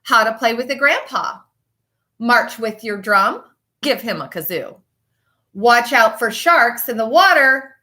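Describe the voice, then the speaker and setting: Reading a picture book to her pupils and chatting with them along the way, this teacher uses a fairly high voice. She is expressive and emphatic, pausing on purpose.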